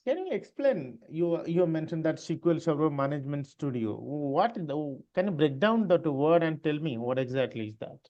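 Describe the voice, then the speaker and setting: A man's voice: a little high, expressive, normal speed, few pauses, darkish tone. A man with an Indian accent, asking questions as the interviewer in a mock job interview. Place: online video call. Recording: dull lo-fi online call audio.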